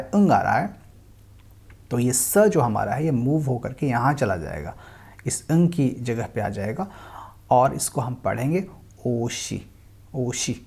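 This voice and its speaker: A man's voice: mid-range voice, vocal fry, a little mellow, husky. A man teaching a language lesson, patiently explaining and repeating example words, slipping English phrases into his talk. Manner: mixes English phrases into Hindi speech.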